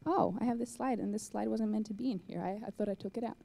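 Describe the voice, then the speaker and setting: Her voice is medium-pitched and gravelly, and she talks quickly over slight background noise. She's a young conference speaker holding a handheld mic on a cinema hall stage, giving an animated, chatty talk and answering questions, with plenty of "like" and "um."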